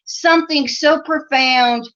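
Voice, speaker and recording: A woman in her forties from the American Midwest talks on a live stream as a life coach, her voice bright and a little high. She chats loosely and reads out viewer comments, with plenty of "you know" and easy laughs. The audio is muffled and lo-fi. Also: takes it slowly. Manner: chatty, lots of "you know", laughs often.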